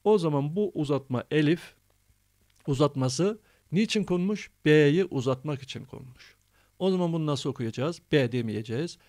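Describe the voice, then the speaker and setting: A man's voice: a little high, lively intonation, moderate pace, darkish tone. A man teaching Quran reading, patiently repeating rules and drilling syllables one by one. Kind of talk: step-by-step reading lesson.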